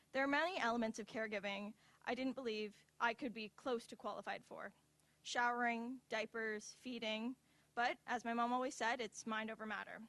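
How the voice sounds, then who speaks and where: A woman's voice: a little high, fairly bright tone. A woman in her twenties giving an earnest, heartfelt personal speech at a university symposium, with light asides. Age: 20s. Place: university event hall.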